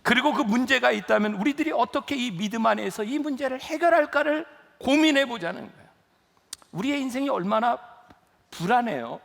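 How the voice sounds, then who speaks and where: A man's voice: very high voice, expressive, fairly quick, gravelly, a bit bright. A middle-aged man preaching a sermon as pastor, telling stories and rising to emphatic pleas. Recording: long reverb of a church hall.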